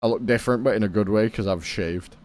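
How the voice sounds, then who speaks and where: A man's voice: fairly low pitch, fast, a little mellow, dry recording. A British man streaming a game and chatting casually with his viewers, rambling and swearing freely. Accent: British English. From Britain. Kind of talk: casual chat with live viewers.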